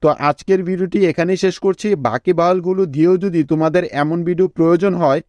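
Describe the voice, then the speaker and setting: A man with a Bangladeshi accent and a fairly high voice leads a phonics lesson, sounding out English words letter by letter and saying each one twice. The recording is dry and close, with no room sound around him. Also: fairly even intonation, a little mellow, no echo. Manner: spells words letter by letter, repeats each word slowly; checks in with listeners often. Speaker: English teacher.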